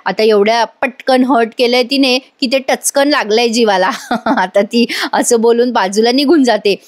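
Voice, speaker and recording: A woman's voice: a little high, moderate pace, no room sound. A woman with a Marathi accent recapping a TV serial in a voice-over, talking straight to her viewers. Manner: chatty, addresses viewers directly. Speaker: TV serial reviewer. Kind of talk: episode recap voice-over, reading out dialogue.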